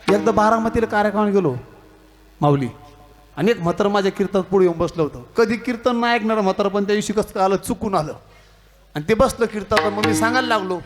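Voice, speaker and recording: A man with a Marathi accent, preaching a devotional kirtan full of jokes, stories and acted-out dialogue. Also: sits high. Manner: storytelling with jokes and mimicry, teasing the audience. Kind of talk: humorous devotional sermon.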